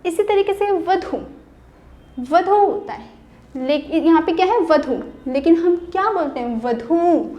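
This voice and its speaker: A woman with a high, light voice and an Indian accent, teaching a school lesson for children. She is patient and spells each word out syllable by syllable, putting questions to the class and then answering them herself. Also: expressive, a little slow, muffled recording. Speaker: Hindi teacher.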